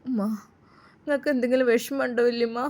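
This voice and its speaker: A woman's voice: on the high side, steady tone, brisk, a little mellow, lightly acted. A woman playing a weeping young wife. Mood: tearful. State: crying. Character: young woman lawyer, grieving and tearful.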